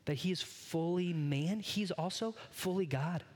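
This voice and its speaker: Unhurried and high-voiced, a man gives a sermon with a long reverb tail behind him. As a pastor, he preaches earnestly and conversationally, frequently turning to address his congregation.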